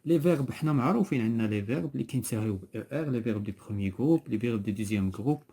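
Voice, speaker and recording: Man, Moroccan Arabic accent, schoolteacher, patient step-by-step explaining, dark husky tone. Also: mid-range voice, animated, very fast. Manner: patient, repetitive, prompts a pupil to finish words. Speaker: primary school French teacher. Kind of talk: classroom lesson explanation.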